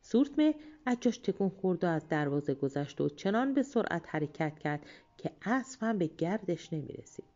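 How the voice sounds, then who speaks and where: A woman narrating a folk tale as an audiobook reader, steady and calm. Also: fairly low pitch, dull audio. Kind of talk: storybook narration.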